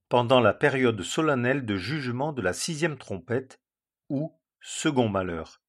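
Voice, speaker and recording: A man slowly reading scripture aloud and commenting on it in a measured, solemn way. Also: medium pitch, a bit bright. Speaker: Bible teacher.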